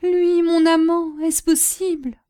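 A woman's voice: very high-pitched, little pitch movement, slow pace, mellow, voice pushed up. A woman voicing a passionate young courtesan, pleading and crying out with raised, urgent intensity. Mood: furious. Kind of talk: audiobook character reading.

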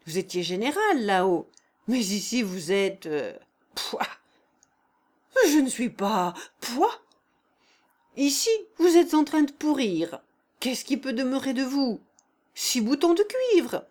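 A woman reading aloud and voicing a brash, mocking dead man who speaks loudly and taunts the others. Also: on the high side, big pitch swings, slow, long pauses, exaggerated voice. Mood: taunting. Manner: loud, taunting, boastful.

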